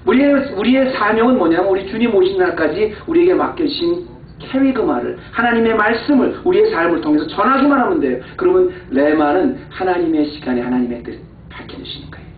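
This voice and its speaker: A man preaching a sermon as pastor, dropping to low, quiet asides and rising to heated emphasis, acting out exasperated complaints. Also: animated, fairly quick, narrow, tinny audio, a little hiss or hum. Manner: acts out quoted complaints in an exasperated voice. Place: church sanctuary. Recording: echoey, far-off, phone-thin church recording.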